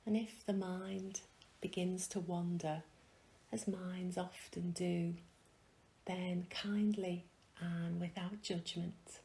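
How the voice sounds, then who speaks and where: A woman guides a meditation, her voice soft, hushed and breathy, delivered gently and soothingly with long pauses. Her pitch sits on the low side and her tone stays steady.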